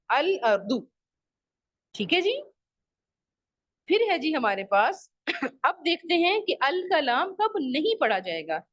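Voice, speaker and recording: A woman's voice: fairly high pitch, fairly bright tone, no echo, dull audio. A woman teacher giving an online lesson to children, patiently repeating rules and examples and asking the class questions. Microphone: video call microphone.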